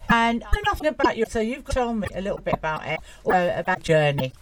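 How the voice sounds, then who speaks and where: A woman's voice: mid-range voice, very animated, fast talker. A woman hosting a casual show, welcoming guests in a friendly way. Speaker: host. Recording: distant mic with loud noise.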